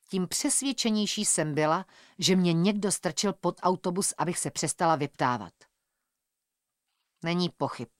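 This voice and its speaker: Woman audiobook narrator, low-ish voice, measured and tense, dry close mic. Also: no room sound. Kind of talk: scripted first-person narration.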